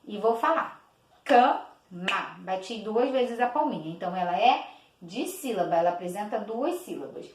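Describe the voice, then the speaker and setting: A woman teacher gives a patient children's lesson, clapping out each syllable slowly and repeating words. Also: medium pitch, expressive, a little mellow, a little hiss or hum. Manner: slow, clapping out each syllable, many diminutives. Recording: echoey room.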